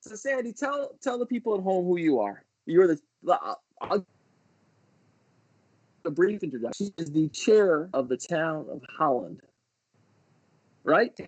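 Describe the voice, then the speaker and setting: A man's voice: fairly high pitch, very animated, a little slow, pauses often, a little mellow, dry recording, rough recording. Chatty male host on a video call. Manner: chatty, eager, with frequent restarts. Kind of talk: casual livestream interview.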